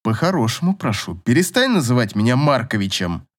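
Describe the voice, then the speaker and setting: A man's voice: medium pitch, big pitch swings, fairly quick. An actor playing a sardonic, swearing man who teases and mocks. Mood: teasing. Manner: mocking, swears.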